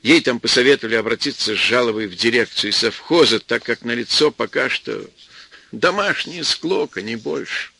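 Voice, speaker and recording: A man reading an audiobook aloud, telling the story in a lively, expressive way. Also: mid-range voice, normal speed, vocal fry, husky, no room sound. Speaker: audiobook reader. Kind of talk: scripted narration.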